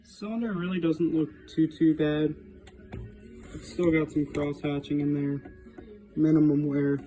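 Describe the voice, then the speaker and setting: A man's voice: a little high, little pitch movement, a little slow, warm tone, faint music behind, low-quality recording. A man talking plainly and matter-of-factly as a home mechanic, in a casual how-to vlog style. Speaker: home mechanic presenting a dirt bike engine rebuild.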